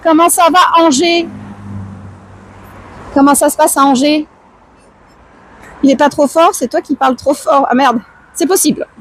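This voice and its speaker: Hoarse, high-voiced woman livestreaming. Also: fairly even intonation, measured pace, long pauses, slight background noise, rough recording. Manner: chatty, slangy, reads out and answers chat. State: hoarse, tired strained voice. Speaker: live streamer chatting with viewers. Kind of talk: casual chat, IRL livestream. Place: outdoors, walking through town streets.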